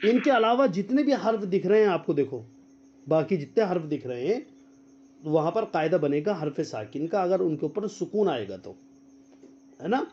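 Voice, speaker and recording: A man teaching a tajweed lesson over a video call, quizzing his students, repeating their answers and spelling out letters slowly as a drill. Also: high-pitched, very animated, dark tone, dull audio, slight background noise. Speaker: Quran teacher.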